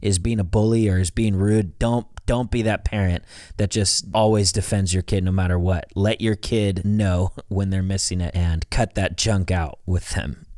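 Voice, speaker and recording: Earnest low-voiced reaction host. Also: male voice, steady tone, moderate pace, darkish tone, no room sound, clean studio sound. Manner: earnest, emphatic commentary to viewers. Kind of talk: reaction commentary.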